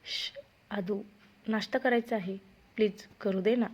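A woman's voice: mid-range voice, steady tone, a little slow, natural voice. A woman reading the part of a young wife in a romance story, coaxing and pleading playfully. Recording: dull lo-fi recording.

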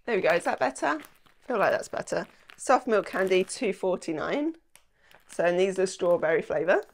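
A lifestyle vlogger from England chats casually to camera about her shopping haul in a small indoor room at home, rambling with plenty of "like" and "um." Her medium-pitched, expressive voice runs at normal speed and sounds a bit nasal from a starting cold, with a little hiss or hum on the recording.

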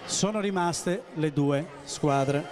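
An Italian quiz show host speaks slowly in a voice on the high side, building suspense and announcing a live quiz to children and an audience, directing the kids with repeated short projected commands. He uses a handheld microphone in a busy indoor shopping centre atrium, with live PA music and crowd noise.

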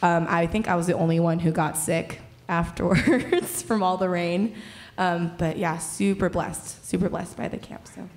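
A woman's voice: lowish voice, fairly even intonation, moderate pace, a little mellow, a little hiss or hum. A young woman sharing a chatty, bubbly testimony at a stand mic on a church stage, laughing often between thoughts. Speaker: youth leader sharing at church. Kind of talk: casual testimony.

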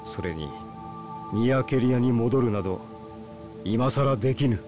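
A man's voice: medium pitch, unhurried, close to an everyday voice. An actor playing a solemn, proud male spirit in a video game, speaking in formal, old-fashioned warrior phrasing. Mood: stern. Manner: grave, formal archaic phrasing. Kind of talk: Japanese RPG cutscene voice acting. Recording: game soundtrack music behind.

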